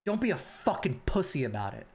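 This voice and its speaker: A man's voice: a little high, very animated, brisk, a little mellow. A male streamer furiously ranting and swearing while reacting to online drama. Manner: angry, profane, ranting.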